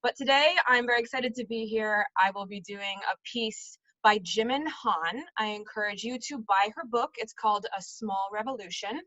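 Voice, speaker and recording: A woman's voice: medium pitch, normal speed, hardly any pauses, sharp tone, no room sound, highs cut off. A woman, an actor and dramaturg, introducing herself and her piece before performing, in a friendly, straightforward manner.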